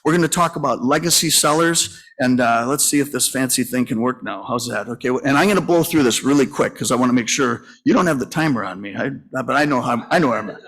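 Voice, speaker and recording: A man in his sixties speaks at a conference session with a middling, everyday pitch. He tells stories in a folksy, rambling way, stopping and restarting with plenty of fillers. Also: quick pace, few pauses, a bit bright. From Minnesota, US. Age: 60s. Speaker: funeral home owner and conference speaker. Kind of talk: conference breakout talk.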